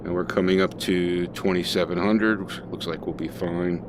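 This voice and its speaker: A man with a very low voice talks casually through a flight simulator session, thinking aloud and pausing on fillers. A steady noise hums under the recording. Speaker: flight sim streamer. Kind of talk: casual gameplay commentary.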